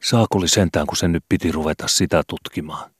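A man's voice: sits low, breathy edge, dry recording, clean studio sound. A man doing a stubborn young street boy. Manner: slangy and blunt.

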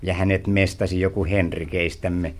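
An actor playing a fussy, placating lawyer in a 1960s radio drama, smoothing things over. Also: male voice, sits low, fairly even intonation, darkish tone, lightly acted. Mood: smooth persuasive. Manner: fussy, placating, stammers when flustered. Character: fussy soothing middle-aged lawyer.

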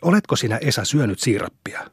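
A man voicing an excitable, curious young country boy in an audiobook. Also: medium pitch, slightly rough, no room sound, studio quality. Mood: dreamy.

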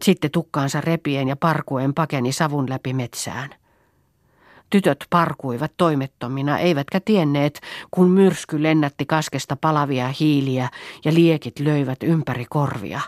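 Woman reading dry, steady audiobook narration. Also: low-pitched, no echo. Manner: even, measured reading. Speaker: audiobook reader. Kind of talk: scripted narration.

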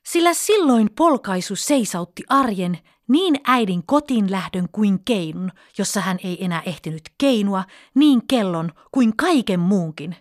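Expressive woman reading a children's story. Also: medium pitch, hardly any pauses. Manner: expressive, with hushed whispered passages.

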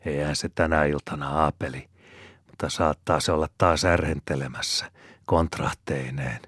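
A sly, grumbling old storybook father who mutters half under his breath, voiced by a male reader. His voice is very deep and husky. The recording is close and dry. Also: fairly even intonation, fairly bright tone, no echo, exaggerated voice.

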